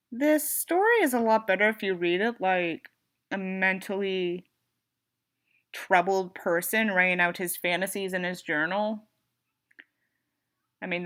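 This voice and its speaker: A woman with a medium-pitched, slightly bright voice reads a book aloud as its narrator and commentator. Her audiobook delivery is theatrical and sardonic, with a sarcastic, sweary streak.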